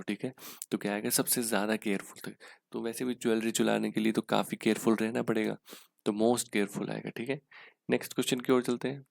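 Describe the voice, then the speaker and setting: A man's voice: lowish voice, creaky, a little mellow, dry recording. A man with an Indian accent teaching an exam-prep English lesson in Hindi, checking in with "theek hai" as he explains each answer. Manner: explains in Hindi with English terms, frequent "ठीक है".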